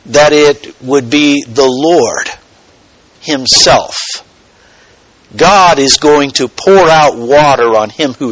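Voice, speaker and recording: A man preaching a sermon, teaching earnestly and dropping to a soft voice for quoted words. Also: mid-range voice, no echo, low-quality recording. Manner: slow, earnest teaching with dramatic soft quotations.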